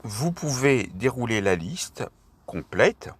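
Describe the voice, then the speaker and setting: A man's voice: medium pitch, sing-song, slow pace, slightly rough. A man presenting an app, narrating a step-by-step screen tutorial.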